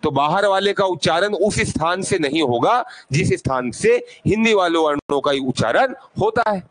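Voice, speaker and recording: A man's voice: high-pitched, lively intonation, moderate pace. A man teaching a classroom grammar lesson, asking questions and answering them himself, repeating sounds to demonstrate them.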